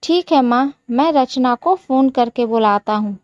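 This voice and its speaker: A mild, calm young husband in a storybook, voiced by a woman narrator, speaking slowly and evenly. The recording is dull and dry. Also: sits high, no room sound. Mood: concerned.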